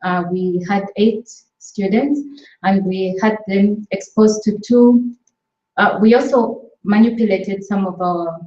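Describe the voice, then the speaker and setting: A woman's voice: medium pitch, steady tone, slow, darkish tone. A young woman from Uganda, a master's student, earnestly explaining her group's research and sometimes searching for words. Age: young adult. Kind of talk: conference video hangout talk. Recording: distant mic in echoey room, lo-fi.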